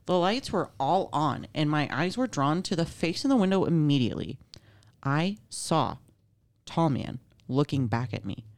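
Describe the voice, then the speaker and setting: A woman's voice: low voice, very animated, normal speed, darkish tone. A woman casually reading a scary story aloud, with playful, informal asides. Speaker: story reader.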